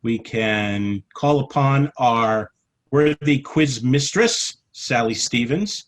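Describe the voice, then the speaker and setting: Expressive and slow, this man's medium-pitched voice belongs to a middle-aged American chairing an informal club meeting with tongue-in-cheek formality. He uses a headset on a video call from a small room at home. Clicks and noise mar the call audio.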